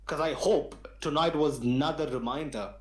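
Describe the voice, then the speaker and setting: A man's voice: a little high, moderate pace, echoey room, poor audio. A man on a football fan podcast, ranting in an emphatic, slangy way. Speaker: podcast panelist. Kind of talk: heated football podcast talk.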